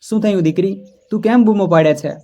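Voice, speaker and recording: Man voicing a gentle coaxing mother. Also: sits high, fairly quick, pitched above the performer's own voice, natural voice. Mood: soothing. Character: caring, soothing middle-aged mother.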